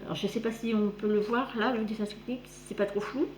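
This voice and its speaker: A woman's voice: mid-range voice, steady tone, fast. A woman with a slight lisp on her s sounds, chatting casually as she hosts a magazine review vlog. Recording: roomy echo, clear background noise.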